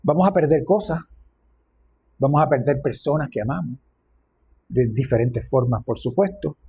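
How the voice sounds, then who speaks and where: Preacher, male, reflective with light humor, mellow husky tone. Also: medium pitch, animated, moderate pace. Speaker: minister. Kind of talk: sermon.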